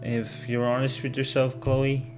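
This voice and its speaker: A laid-back player comments casually on a video game in short asides. The delivery is very unhurried, at a middling pitch, with faint music underneath. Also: little pitch movement.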